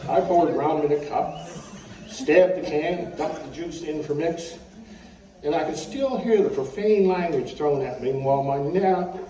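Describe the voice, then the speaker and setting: A mature man delivers a eulogy from notes as a string of folksy, wry stories. His voice is mellow and slightly high for a man. He is heard some way from the mic in a roomy space. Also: unhurried. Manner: wry, folksy storytelling, often clearing the throat. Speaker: eulogist at a funeral. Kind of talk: personal eulogy read from notes, with humorous anecdotes. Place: echoey room at a funeral service. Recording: roomy, distant mic with faint background noise.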